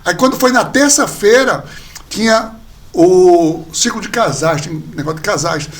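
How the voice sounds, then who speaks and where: Homem de voz aguda contando história. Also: male voice, high-pitched, unhurried. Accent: Brazilian Portuguese. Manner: animated storyteller, acts out quoted dialogue. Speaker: pastor, podcast guest. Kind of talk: casual storytelling conversation.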